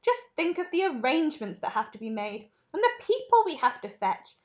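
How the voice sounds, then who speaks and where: A woman's voice: a little high, animated, fairly quick, highs cut off, lightly acted. A woman voicing an exuberant, eccentric man who owns a chocolate factory, gushing and repeating himself eagerly in a storybook reading. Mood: eager, bustling. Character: exuberant, eccentric male chocolate-factory owner, gleefully excitable.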